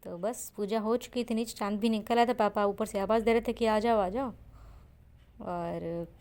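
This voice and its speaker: Soft-spoken young woman vlogger. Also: medium pitch. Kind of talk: vlog voice-over narration.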